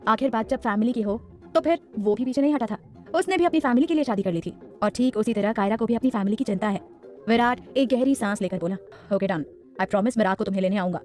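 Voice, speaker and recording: Fast-talking woman narrating a drama story. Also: on the high side, a little mellow, faint music behind. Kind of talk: scripted audio story narration.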